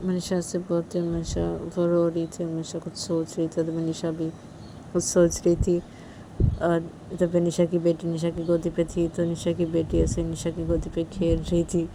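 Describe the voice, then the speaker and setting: Low-voiced woman telling a story. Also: background noise. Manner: plain, repetitive narration with "to tabhi" links. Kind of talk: casual spoken storytelling.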